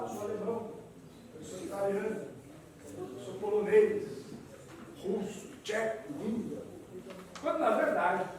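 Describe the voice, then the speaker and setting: Here a southern Brazilian man gives a lecture in a meeting hall, his fairly high voice animated and full of wide shifts in pitch and loudness, with frequent use of "né". Picked up from far away, the recording is reverberant and carries slight noise.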